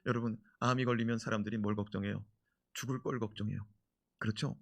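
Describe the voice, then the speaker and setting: A man preaching a sermon as pastor, leading the congregation in declarations and swinging between loud proclamation and quiet asides. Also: fairly low pitch, fairly even intonation, fast, gravelly. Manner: emphatic preaching with call-and-response declarations.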